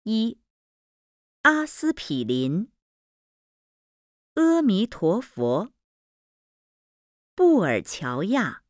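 A woman slowly reading aloud Mandarin pronunciation drills from a textbook, enunciating every word with care. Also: mid-range voice, wildly swooping pitch, dry recording, clean studio sound. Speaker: language lesson reader. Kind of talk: slow, careful textbook reading.

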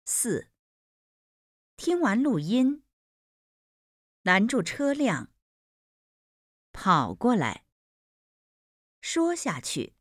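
For a Mandarin pronunciation lesson, a woman reads demonstration sentences very slowly, enunciating each one carefully in a deliberate textbook-recording style. Her voice sits on the high side with huge pitch swings and long pauses. The studio recording is dry and clean.

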